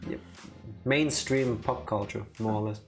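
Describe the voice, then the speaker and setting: A streamer chats casually before a game stream, opinionated and playfully teasing. The voice is medium-pitched and a little slow, with music playing in the background.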